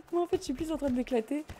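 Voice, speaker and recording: A young woman streaming a party game, commenting in an excitable, laughing, self-mocking way. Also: high voice. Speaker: gaming streamer. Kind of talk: live let's play commentary. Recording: faint game music behind.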